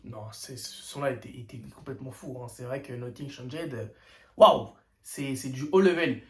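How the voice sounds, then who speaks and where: A man's voice: mid-range voice, moderate pace. A young man hosting a casual first-listen music reaction, talking in loose slang with lots of hesitations and filler. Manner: slangy, hesitant, full of "tu vois" and "euh". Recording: echoey room.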